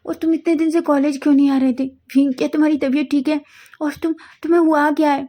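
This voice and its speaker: A high-pitched, eager young college guy, as a woman puts him on for a read-aloud fan story, firing anxious questions one after another. The tone is mellow and soft. It is clearly a voice done by the reader herself. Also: steady tone. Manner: rapid worried questions. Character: excitable young male college friend.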